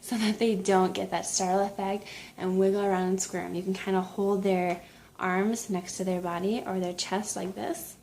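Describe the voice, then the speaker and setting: A woman's voice: medium pitch, level tone, normal speed, gravelly, darkish tone, slight background noise. A young adult woman, a mom vlogger, chatting in an upbeat, instructive way and giving parenting tips. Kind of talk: casual vlog chat and parenting tips.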